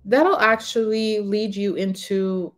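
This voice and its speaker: A woman in her thirties talking frankly to camera in a casual, unhurried way from a small room. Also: mid-range voice, steady tone. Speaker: vlogger on renting. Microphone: camera in front of her.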